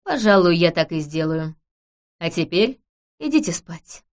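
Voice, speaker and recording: A woman reading an audiobook, voicing a composed nobleman with a dry, wry, measured way of talking. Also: on the low side, sing-song.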